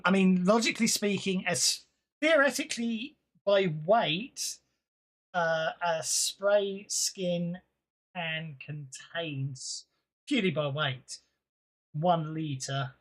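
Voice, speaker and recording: A man running a tabletop game as game master, rambling and halting, laughing often. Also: sits high, a bit bright.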